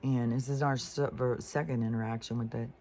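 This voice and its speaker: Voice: medium pitch, fairly even intonation, a little fast, darkish tone, a little hiss or hum. A vlogger telling a story in a casual, profane, rambling way while venting.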